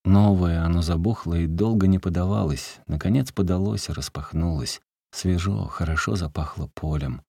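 Deep, gravelly male story reader. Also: normal speed, warm tone, no echo, studio quality. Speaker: narrator. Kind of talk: literary storytelling.

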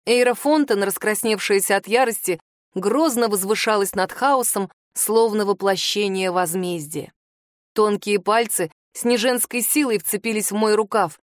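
A woman narrating first-person fiction in an expressive, dramatic audiobook reading. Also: medium pitch, moderate pace, dry recording, studio quality.

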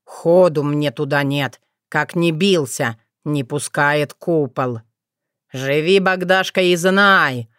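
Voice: medium pitch, slow, fairly bright tone, no echo, clean studio sound. A reader voicing a spiteful, half-mad old male forest spirit who snarls and gloats. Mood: gloating.

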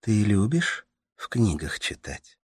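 A tender, lonely young woman who soothes and coaxes in a soft, lilting, sing-song way, as a male reader lifts his voice into her. The tone stays husky and close, with no room around it. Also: lowish voice, sing-song, takes it slowly, dry recording, voice pushed up, full character voice. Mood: wistful. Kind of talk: audiobook character voice.

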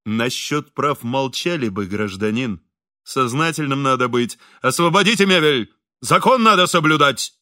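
A stern, self-assured swindler, as a man voices him in an audiobook reading, lower than the narration and curt in every order. The voice stays bright and forceful in a dry, close sound. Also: lively intonation, normal speed, dry recording. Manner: curt, commanding. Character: stern, confident male swindler.

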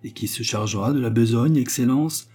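A man's voice: mid-range voice, a little fast, warm tone, close to an everyday voice. A man voicing an anxious, deferential male conspirator in an audiobook. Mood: cautious. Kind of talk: audiobook character reading.

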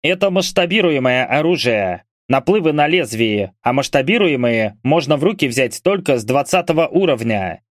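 A man's voice: medium pitch, expressive, normal speed, few pauses, dry recording, studio quality, voice pushed up, lightly acted. A man playing a scornful bearded brute. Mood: contemptuous. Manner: scornful, barking. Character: burly bearded guild guard, dismissive man.

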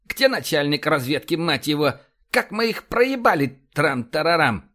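A man doing a shrill, yelping, swearing admiral. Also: big pitch swings, normal speed, pushed and bright. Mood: agitated. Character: hot-tempered swearing male police vice-admiral.

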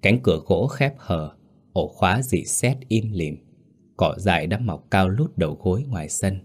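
A man narrating a scripted ghost story in a measured, dramatic way. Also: low voice, expressive, slightly rough.

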